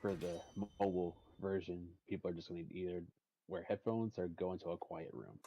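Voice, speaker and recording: A man's voice: deep voice, brisk, lo-fi sound. A young man hosting a game stream, chatting casually and rambling with many fillers.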